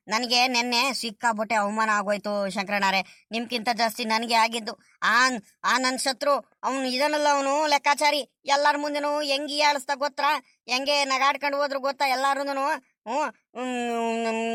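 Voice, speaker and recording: A woman's voice: high voice, bright, forceful tone, no room sound, studio quality. A woman voicing an anxious, fawning male servant, who frets, pleads and whines. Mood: pleading. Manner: fretful, pleading, whiny.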